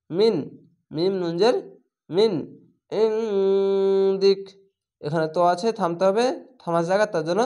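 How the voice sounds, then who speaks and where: Slow, high-voiced man spelling out Quran letters. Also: darkish tone, clear, resonant tone. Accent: Bangladeshi Bengali. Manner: spells each letter and vowel mark, then blends the syllables in a drawn-out chant. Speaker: Quran reading teacher. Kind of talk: spelling-out Quran recitation lesson.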